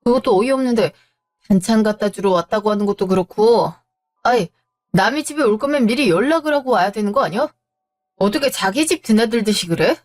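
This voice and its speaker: A woman's voice: mid-range voice, animated, brisk, a little mellow, faint music behind, lightly acted. Audio drama: rude, irritable husband, blunt and scornful, read by a woman. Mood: irritated. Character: irritable rude husband, middle-aged man.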